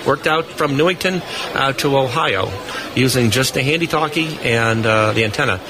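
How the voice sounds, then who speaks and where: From a booth on a busy convention floor, a mid-range-voiced man speaks at a moderate pace during a live radio interview. As a guest amateur radio expert, he gives detailed technical explanations and stories over background crowd chatter.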